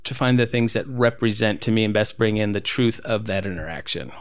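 A street photographer who grew up in Southern California chats casually as an interview guest, full of fillers and restarts. His voice is fairly low and fairly quick, and the recording is dry.

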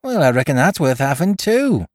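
A man voicing an uneasy but eager pirate mutineer in an audiobook, with rough sailor talk. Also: fairly high pitch, normal speed, no echo, clean studio sound, voice pushed up, lightly acted. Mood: uneasy, hopeful. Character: Dick, uneasy, growling young male mutineer pirate. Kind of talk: audiobook character voice.

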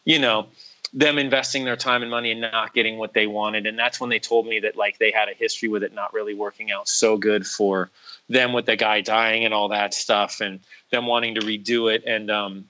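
A man with a bright, forceful voice tells a long story on a podcast, full of restarts and "you know"s. He jumps into lively raised voices when he quotes people. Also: on the low side, fairly quick, poor audio. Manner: rambling with many fillers and restarts. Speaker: podcast guest, musician and voice actor. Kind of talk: casual storytelling chat.

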